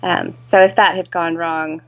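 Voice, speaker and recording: American woman, low creaky voice, casual interview. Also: little pitch movement, moderate pace, highs cut off. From United States. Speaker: interview guest, home-educating mother.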